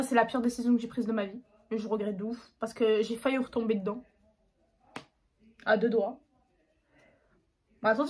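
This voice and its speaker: A young woman, chatting casually and dramatically while doing her makeup at home, sarcastic and quick to laugh. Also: fairly high pitch, breathy edge. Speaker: beauty vlogger.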